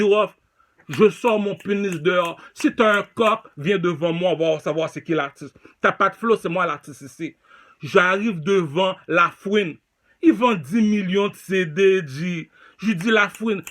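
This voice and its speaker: Young male rapper with a high, sharp voice, ranting and bragging, firing repeated challenges. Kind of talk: boastful rant to camera.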